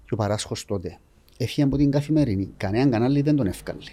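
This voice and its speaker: A man's voice: mid-range voice, warm tone. A mild-toned man with a Cypriot Greek accent, chatting casually as a podcast guest.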